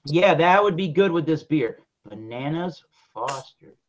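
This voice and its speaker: A man hosting a beer review show, chatting casually on a video call, animated and swearing freely. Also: a little high, measured pace. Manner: animated, profane, jokey. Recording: dull lo-fi call audio.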